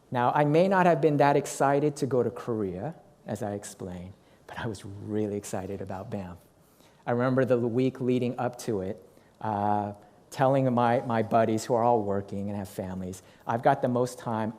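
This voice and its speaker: A man's voice: medium pitch, mellow. A middle-aged male pastor preaching a sermon, telling a personal story and acting out his own reactions.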